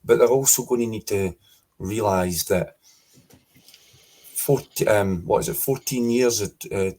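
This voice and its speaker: Here a Scottish podcast guest in a political interview delivers his arguments with force, restating them for emphasis. He speaks at a measured pace in a lowish voice.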